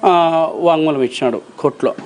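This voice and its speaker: Answering interview questions as an approver witness in a criminal case, this man from Rayalaseema, Andhra Pradesh, India, has a Rayalaseema Telugu accent. His voice is a little high and darkish, slightly fast, with a little hiss or hum on the recording. He is colloquial, emphatic and insistent, repeating phrases and asking rhetorical questions.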